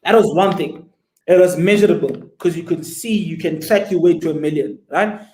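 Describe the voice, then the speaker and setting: A man in his twenties tells his story as an interview guest, with a fairly high voice. He speaks emphatically and keeps throwing rhetorical questions at the listener. The room around him rings with echo. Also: moderate pace, darkish tone. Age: 20s. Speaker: guest entrepreneur.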